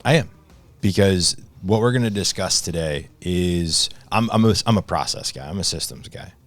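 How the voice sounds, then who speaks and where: A man hosting a podcast conversation, eager and energetic, often restarting his sentences as he leads into a topic. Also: low-pitched, moderate pace. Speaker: podcast host.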